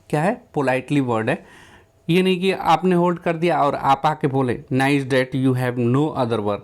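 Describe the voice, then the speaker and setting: A man teaching an exam question lesson, reading each English question out slowly and then explaining it in plain Hindi. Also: a little high.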